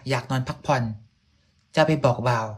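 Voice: mid-range voice, fairly even intonation, lightly acted. A reader doing a stern sulky old-time nobleman. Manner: slow, formal, archaic phrasing. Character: stern brooding nobleman, old-style speech. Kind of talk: audiobook role reading.

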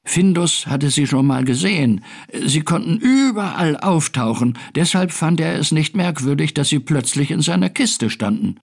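A man narrating a children's story in a computer game, reading gently and expressively. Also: on the high side, lively intonation, moderate pace, vocal fry, hardly any pauses, slightly rough.

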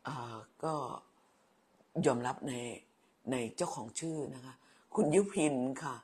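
ผู้หญิงวัยกลางคน อดีตครู คุยไลฟ์สดอ่านคอมเมนต์ผู้ชม พูดแบบแม่ๆ ชอบแซว พูดซ้ำคำ. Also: female voice, very deep voice, slow pace, a little mellow, slightly rough. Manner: chatty, motherly, teasing, repeats words. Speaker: livestream host, former teacher. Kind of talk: casual live chat reading viewer comments.

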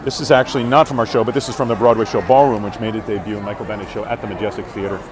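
Rapid-fire and fairly even in intonation, this lowish male voice belongs to a Broadway actor in his forties live-vlogging as he strolls a street fair. He chats upbeat with viewers, using many fillers. An earbud headset mic, with the phone at arm's length, catches the crowded city street around him.

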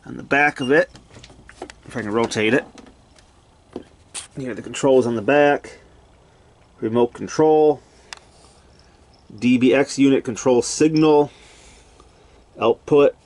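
Filmed on a handheld camera in a cluttered room at home, a man demonstrates a gadget in a casual, hands-on walkthrough. His voice is medium-pitched and slow, and he pauses often, speaking in short, clipped, matter-of-fact phrases.

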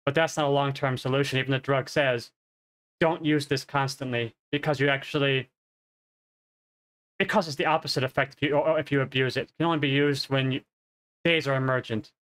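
Speaking fairly quickly with fairly even intonation, this streamer has a medium-pitched, fairly bright voice made nasal by congestion and coughing. The man in his thirties rambles through a casual headset update at home, often self-correcting.

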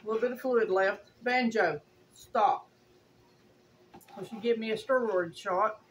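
A woman's voice: mid-range voice, measured pace, a little hiss or hum. A woman talking while eating, chatting in a rambling, homey way and breaking off to scold her dog. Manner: rambling, homey, talks to her pets mid-sentence. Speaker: mukbang host. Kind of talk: casual chat while eating.

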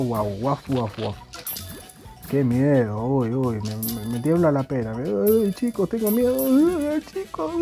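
With a medium-pitched, slightly mellow voice, a young gaming YouTuber from Argentina jokes his way through gameplay commentary. His banter is slangy and crude, delivered in an Argentine Spanish accent.

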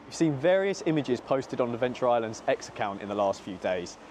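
A British man in his twenties hosts a theme park vlog, giving an update to camera outdoors beside a seaside amusement park. His mid-range voice swings widely in pitch, a little fast and a little mellow, with slight background noise. He's recorded on a small clip-on jacket mic and filmed at arm's length.

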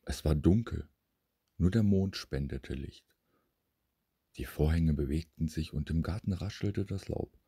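Male bedtime story narrator, calm and husky, very low voice. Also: a little slow, pauses often, no room sound, studio quality.

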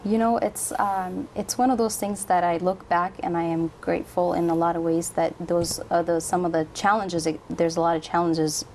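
A young woman from Somalia talks on a lapel mic in a dark studio, her voice sitting fairly low for a woman. She answers questions in a friendly way, laughing often and filling gaps with ums. A faint hiss runs underneath. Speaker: guest. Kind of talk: casual interview answers. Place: dark television studio, indoors.

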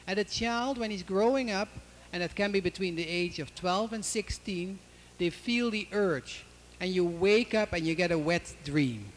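A middle-aged man, a doctor, speaking frankly into a handheld mic in front of a studio audience. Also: sits high. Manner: frank, plain-spoken, instructive. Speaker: doctor answering audience questions. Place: indoor TV studio with seated audience.

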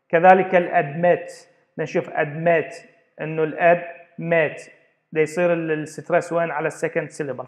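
A man teaching an English grammar lesson, explaining step by step and repeating words as he goes. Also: on the high side. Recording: dull lo-fi recording.

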